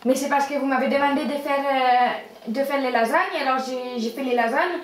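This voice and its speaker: A stammering Spanish housemaid pleads and apologizes, tripping over her words, as a woman puts her on. The voice climbs high and strained, heard from far off in an echoing room. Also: normal speed, natural voice. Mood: flustered apologetic. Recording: roomy echo, far from the mic.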